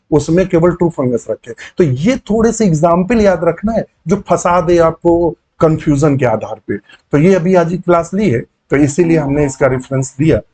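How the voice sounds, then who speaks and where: A man teaching a biology exam-prep lecture, explaining terms slowly, repeating key words and pausing with fillers as he writes. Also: on the high side, warm tone, breathy edge. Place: online class setting.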